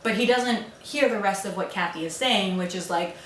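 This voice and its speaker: A woman's voice: medium pitch, moderate pace, fairly bright tone, slight background noise. A young woman giving an irreverent, profane comedic book summary in a sarcastic tone. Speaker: YouTuber. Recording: roomy, from a distance.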